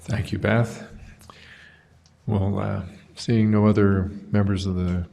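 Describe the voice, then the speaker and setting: Halting low-voiced man chairing a meeting. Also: level tone, gravelly, mellow, a little hiss or hum. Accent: Utah English. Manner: halting, many fillers. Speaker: council chair. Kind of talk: chairing a city council meeting.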